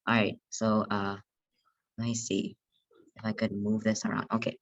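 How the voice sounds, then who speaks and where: Guy running an online class, flat voice, keeps restarting, muffled dry call audio. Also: on the low side, no echo. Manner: halting, hesitant, many restarts. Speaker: online lesson leader. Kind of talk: leading an online group lesson. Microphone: video call.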